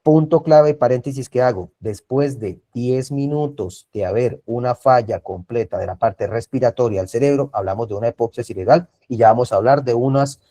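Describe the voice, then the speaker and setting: A man's voice: medium pitch, moderate pace, few pauses, dark tone. A man teaching an online first aid class over a video call, repeating key points and checking in with the class. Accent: Colombian Spanish. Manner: repetitive, checks in with frequent tag questions.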